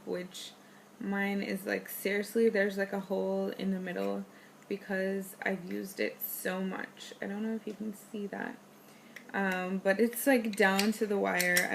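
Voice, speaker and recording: Young female beauty vlogger, chatty and gushing, slightly hoarse, gravelly fry in her voice. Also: mid-range voice, a little hiss or hum. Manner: chatty, gushing, many ums and likes. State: losing her voice. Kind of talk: casual product favorites chat.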